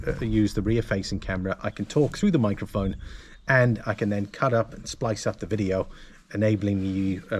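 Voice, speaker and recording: Low-pitched man vlogger with background noise. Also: darkish tone. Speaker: motovlogger and presenter. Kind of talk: casual product walkthrough to camera.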